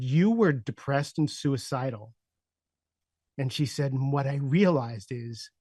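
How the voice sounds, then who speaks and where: An older man in his sixties shares his personal story as a podcast guest. His voice sits at a middle pitch, and he talks reflectively with many "uh" pauses. The sound is dry and close, with no room echo. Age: 60s. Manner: reflective, many "uh" fillers, drops softer at emotional moments.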